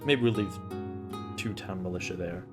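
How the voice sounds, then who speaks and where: A man's voice: low voice, moderate pace, soft background music. A man giving casual commentary as he plays a video game.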